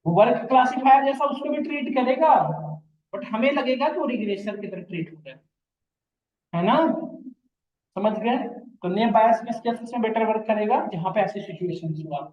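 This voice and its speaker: Teacher explaining in echoey lo-fi audio. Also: male voice, sits high, normal speed, a little mellow. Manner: explains step by step, keeps checking students follow; calls students "beta" in a fatherly way. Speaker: machine learning teacher. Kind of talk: live online class lecture. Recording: echoey, dull lo-fi recording.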